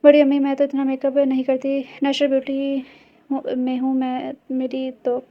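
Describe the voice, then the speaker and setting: A woman's voice: sits high, monotone, normal speed, dull audio, close to an everyday voice. A woman reading the part of a sweet, innocent young girl in a romance audio novel, with a coaxing manner.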